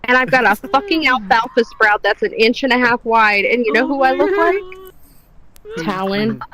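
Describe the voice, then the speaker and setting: A woman doing a stand-up set in a comedy club, giggling and self-deprecating as she swears her way through the bit. Her voice sits a little high. A loud crowd fills the room behind her. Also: expressive, moderate pace, low-quality recording.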